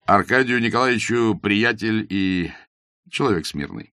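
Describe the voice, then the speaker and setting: A man's voice: on the low side, animated, measured pace, sharp tone, no echo, studio quality, pitched above the performer's own voice, full character voice. A man voicing a blunt young doctor who is curt, ironic and matter-of-fact in an audiobook. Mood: wry. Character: blunt young male doctor, mocking and self-assured.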